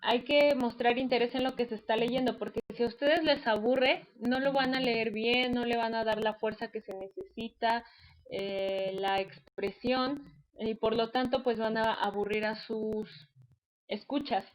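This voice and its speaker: A woman teacher walks her students through a lesson. Her voice sits a little high, and she explains patiently, pausing on fillers as she goes. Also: steady tone, low-quality recording. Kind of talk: online class lecture.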